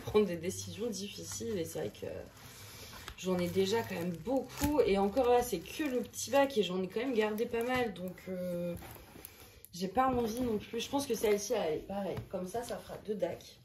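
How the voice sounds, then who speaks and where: Casual woman vlogger, chatty and self-mocking, mid-pitched, home recording with clear background noise. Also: brisk, mellow. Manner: chatty, self-deprecating, thinking aloud. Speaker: crafting vlogger. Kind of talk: casual chat.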